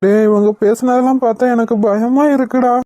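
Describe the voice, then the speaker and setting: A woman's voice: on the high side, fairly even intonation, a little fast, mellow, close to an everyday voice. A woman voicing an anguished, agitated young man in a cartoon. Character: anguished young man, worried for his wife. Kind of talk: cartoon voice acting.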